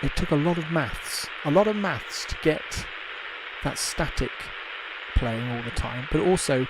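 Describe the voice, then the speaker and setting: A livestreaming hobbyist developer speaks in a fairly high, expressive voice, a little slowly, over loud ambient music that makes the background noisy. He's casually demonstrating something, thinking aloud off the cuff and repeating his phrases often.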